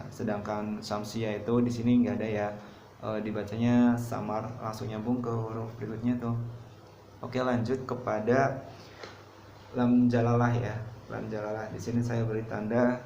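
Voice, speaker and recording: A man's voice: lowish voice, darkish tone. A young man teaching a casual tajwid lesson, patiently explaining step by step. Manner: patient, explains step by step, says "nah" often. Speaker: Quran recitation teacher. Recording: roomy, dull lo-fi recording with faint noise.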